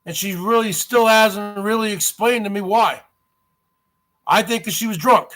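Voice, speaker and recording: An unhurried man in his forties with a stutter hosts a live stream, his high voice fairly bright in tone. Addressing his viewers directly, he sounds aggrieved, keeps coming back to the same grievance, and repeats his words.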